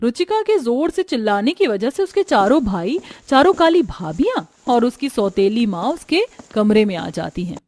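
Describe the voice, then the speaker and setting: A woman narrating a cartoon story in a measured, dramatic storytelling voice. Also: on the high side, very animated, a little mellow, dry recording.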